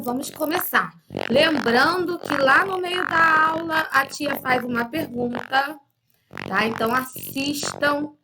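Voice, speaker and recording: A woman's voice: sits high, creaky, background noise. A woman with a Brazilian Portuguese accent teaching a video lesson to young children, chatty and checking in with frequent little questions. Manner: chatty, uses frequent tag questions to pupils. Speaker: primary school teacher.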